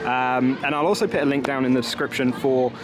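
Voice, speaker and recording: Out in a theme park, the young British vlogger keeps up his informal chat to camera, held at arm's length. He speaks a little fast at medium pitch with fairly even intonation, over background music and the bustle of a noisy outdoor crowd.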